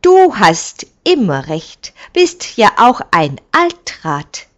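A woman's voice: mid-range voice, wildly swooping pitch, slow pace, fairly bright tone, voice pushed up, exaggerated voice. A woman doing a grumbling old servant. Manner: gruff, grumbling, emphatic. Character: old grey-haired male servant, loyal and grumbling.

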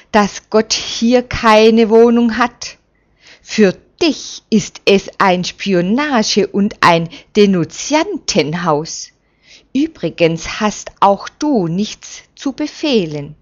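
A stern, commanding old man from a storybook reading, weighing each word with deliberate, unhurried authority, as a woman puts him on. The delivery is very slow. The sound is dull and lo-fi. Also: mid-range voice, animated. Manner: firm, measured, reproving. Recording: dull lo-fi recording.

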